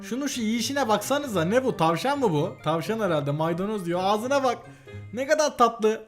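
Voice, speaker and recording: A man's voice: sits high, animated, normal speed, soft background music. A young man casually reacting to animal videos for his channel, giggling often and gushing over how cute they are.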